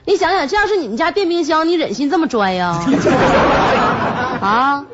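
A woman's voice: high voice, very animated, fast. A young woman with a Northeastern Chinese accent hosting a comic radio chat show, chatty and laughing at her own jokes. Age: young adult. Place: radio studio. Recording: dull lo-fi radio broadcast with hiss.

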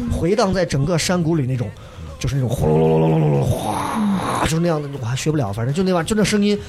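A man telling a dramatic story in casual chat, acting out shouts and sounds. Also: a little high. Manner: acts out shouts and quoted voices, imitates sounds. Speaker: storyteller guest.

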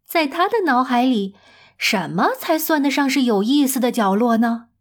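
A woman narrating a children's story with a gentle, expressive, drawn-out delivery. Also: sits high.

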